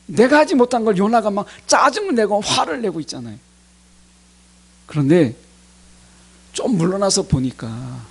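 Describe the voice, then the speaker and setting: Middle-aged man, pastor, sermon delivery; breathy voice that swoops all over the place. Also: high-pitched. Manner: addresses the congregation directly, acting out complaints to God in quotes.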